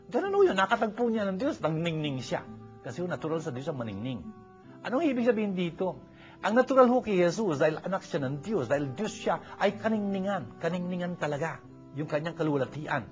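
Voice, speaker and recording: A man with a Filipino accent preaching a sermon, mixing English phrases into his talk with many fillers. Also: on the high side. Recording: dull lo-fi recording with faint music.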